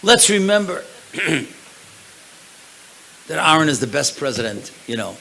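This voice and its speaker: A man's voice: a little high, measured pace, gravelly, noisy background. A man, a rabbi and lecturer, telling stories in a lecture at a synagogue event and acting out the people in them. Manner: animated storyteller, acts out the people in his stories. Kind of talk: storytelling lecture.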